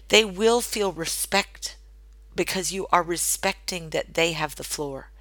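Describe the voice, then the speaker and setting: Earnest woman host, low dry voice. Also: a bit bright, no room sound, rough recording. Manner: earnest, instructive, addresses the listener directly. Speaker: podcast host and direct-sales coach. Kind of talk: solo podcast training talk. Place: home office.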